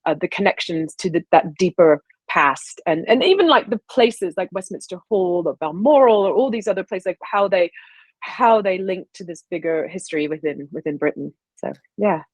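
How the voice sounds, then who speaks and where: Low-voiced woman, halting interview guest. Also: expressive, no room sound. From American South. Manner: halting, restarts, frequent laughs. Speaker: historian and author guest. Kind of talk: podcast interview.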